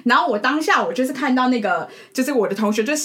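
Lively high-voiced young woman telling a story. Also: fast talker. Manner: animated, giggly, many restarts and fillers. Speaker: podcast co-host. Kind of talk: casual storytelling chat.

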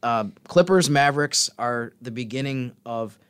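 Measured man talking basketball standings. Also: mid-range voice, clean tone. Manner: thoughtful, measured, fills pauses with "I mean" and "so". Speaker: podcast co-host. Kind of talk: casual sports chat.

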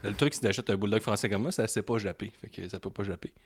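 Man, Québécois accent, casual podcast chat, quick delivery, rambling with local swears. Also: lowish voice, slightly rough, no room sound, studio quality. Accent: Québécois French. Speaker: podcast co-host.

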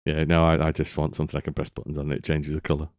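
A man's voice: extremely low pitch, monotone, rapid-fire, a little mellow, dry recording, studio quality. A man with a British accent, chatting casually as a co-host on a podcast. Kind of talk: casual chat.

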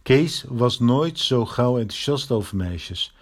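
Male storybook narrator, steady measured delivery, mid pitch. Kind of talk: storybook reading.

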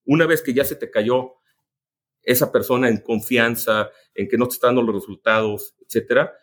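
Hombre mexicano contando anécdotas. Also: male voice, mid-range voice, fairly even intonation, normal speed, a bit bright. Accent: Mexican Spanish. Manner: anecdotal, many restarts and asides. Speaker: business executive guest. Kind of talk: casual storytelling interview.

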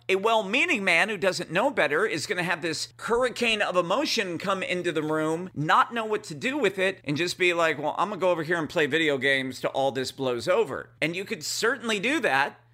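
A man's voice: sits high, pushed and bright. A man talking as a relationship coach on a podcast, earnestly addressing his listeners directly. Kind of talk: podcast monologue.

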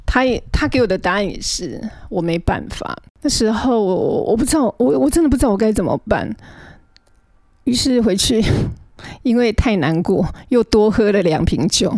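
Gravelly-voiced woman telling her story. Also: mid-range voice, lively intonation, normal speed, darkish tone, dry recording. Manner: earnest, searching, with stammered restarts. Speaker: guest recounting her past. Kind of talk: emotional personal storytelling.

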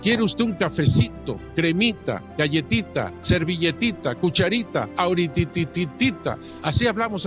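Mexican monsignor, high-pitched, emphatic repeats, soft music under. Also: male voice. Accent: Mexican Spanish. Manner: repeats phrases for emphasis, fervent. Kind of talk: emphatic explanatory interview talk.

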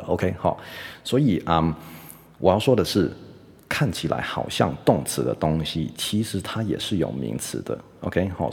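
Deep, gravelly man teaching English. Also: a little mellow, big-room sound. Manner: mixes English fillers into chatty explanations. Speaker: English teacher podcast host. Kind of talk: casual podcast lesson.

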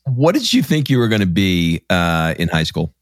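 A man's voice: deep voice, big pitch swings, moderate pace, no echo, studio quality. Enthusiastic man hosting a podcast. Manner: enthusiastic, easily amused. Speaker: podcast host. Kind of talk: casual interview.

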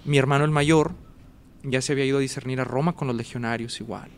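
Animated man telling a story. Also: medium pitch, quick pace, a little hiss or hum. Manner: animated, acts out dialogue and sounds. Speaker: guest telling his vocation story. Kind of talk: casual storytelling.

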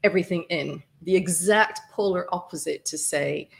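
Woman from Somalia, podcast guest, gravelly, lower voice, gushing, rambling, laughs a lot. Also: moderate pace. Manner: effusive, laughs often, many fillers and restarts. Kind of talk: casual interview chat.

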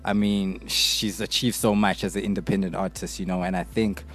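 A man's voice: deep voice, little pitch movement, normal speed. A man with a South African accent discussing casually as a podcast panelist, often checking in with small tag phrases. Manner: often tags phrases with "you know".

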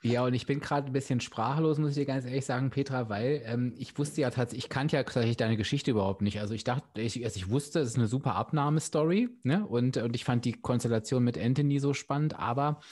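A man's voice: mid-range voice, fast talker, few pauses, a little mellow. Encouraging male podcast host. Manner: thoughtful, encouraging, restarts and fillers. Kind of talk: casual interview talk.

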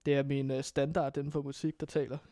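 A man's voice: medium pitch, level tone, dark tone, no room sound. A young man co-hosting a comedic radio show, dry and needling as he complains about his partner. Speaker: radio co-host and researcher. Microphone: studio microphone.

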